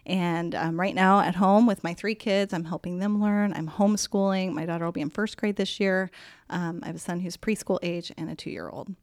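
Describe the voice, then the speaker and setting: A woman's voice: fairly low pitch, steady tone, moderate pace, dry recording, studio quality. A woman chatting casually as a podcast guest, introducing herself. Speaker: podcast guest, homeschooling mother. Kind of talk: casual chat.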